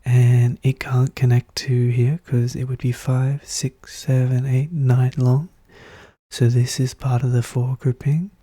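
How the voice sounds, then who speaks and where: Soft-spoken ASMR puzzle narrator: hushed, breathy half-whisper, flat unhurried delivery, calm and methodical, close dry sound. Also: medium pitch, no echo. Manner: calm, methodical, thinking aloud. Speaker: puzzle solver narrating own play.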